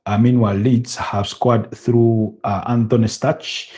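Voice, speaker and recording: Guy from africa doing a football watch along, mellow voice, chatting through scores and news, kinda halting and repeating himself. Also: lowish voice, level tone. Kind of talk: live football commentary and casual news chat.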